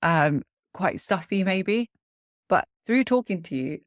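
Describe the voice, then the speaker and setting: A woman podcast host gives a spoken intro and conducts a casual interview, sounding eager, earnest and encouraging. Her fairly low voice is expressive and slow.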